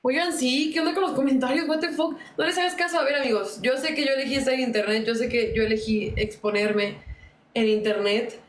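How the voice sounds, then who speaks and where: A young woman with a Mexican accent talks casually to her livestream audience, candid and a little aggrieved. Her voice sits high, and the room around her rings with echo. She keeps coaxing viewers to send small gifts. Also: a little fast. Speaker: streamer. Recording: echoey room.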